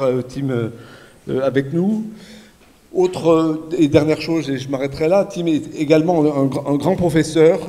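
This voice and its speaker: Male host, mellow tone, stop-start delivery, long hall reverb. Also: medium pitch. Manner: halting, many fillers and restarts. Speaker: event host introducing a speaker. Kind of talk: formal introduction to a lecture. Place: large lecture hall.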